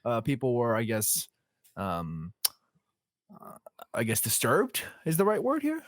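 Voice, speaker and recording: A young man co-hosting a casual podcast, hedging his points with many pauses and uhs. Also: mid-range voice, huge pitch swings, no echo, studio quality. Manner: hedging, many uhs, laughs between words. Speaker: podcast co-host. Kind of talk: casual chat.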